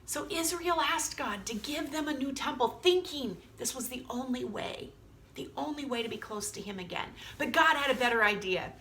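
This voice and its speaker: Bright-voiced woman giving an informal youth sermon. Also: high voice, expressive, moderate pace, a little hiss or hum. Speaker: youth group leader giving a message.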